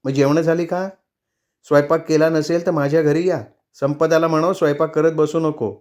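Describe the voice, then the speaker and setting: A man doing a gentle, caring elder sister. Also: a little high, level tone, moderate pace, voice pushed up, lightly acted. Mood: concerned. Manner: gentle and concerned.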